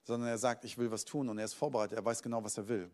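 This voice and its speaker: A man preaching a sermon as a pastor, speaking with energy and swinging between loud emphasis and quiet asides. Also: medium pitch, steady tone, racing.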